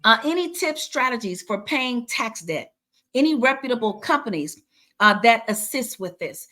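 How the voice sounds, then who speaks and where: A woman's voice: on the high side, lively intonation, normal speed, bright, forceful tone. A middle-aged woman who teaches personal finance, running a webinar and answering questions with an encouraging, preacher-like cadence and lots of repetition. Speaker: financial educator.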